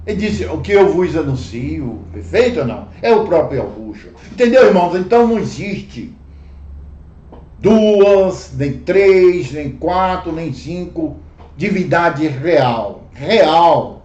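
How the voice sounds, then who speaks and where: A Brazilian man teaching a livestreamed Bible study, slow and emphatic, repeating phrases and calling listeners brothers. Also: on the high side, lively intonation, dark tone. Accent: Brazilian Portuguese. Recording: echoey room, dull lo-fi sound.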